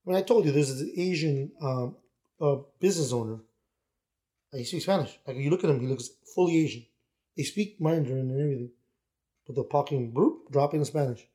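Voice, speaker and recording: This podcast co-host in Miami has a fairly high, mellow voice and talks briskly. His casual chat rambles, full of restarts and put-on voices when he quotes people.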